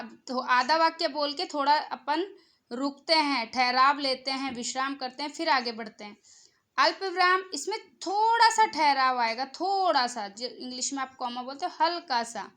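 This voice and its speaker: A woman school teacher with a Rajasthani Hindi accent, explaining a grammar lesson to children in a slow teaching manner and stretching out her example sentences. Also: high voice, sharp tone.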